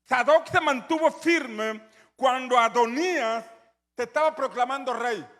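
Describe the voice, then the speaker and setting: A man preaching a sermon as pastor, telling the story with animated energy and building to shouts. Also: extremely high pitch, measured pace, big-room sound, faint music behind.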